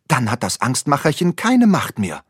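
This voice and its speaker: A man voicing a brave young boy who speaks out boldly and loudly. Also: medium pitch, wildly swooping pitch, moderate pace, breathy edge, dry recording, clean studio sound, voice pushed up, heavily acted. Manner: bold and loud.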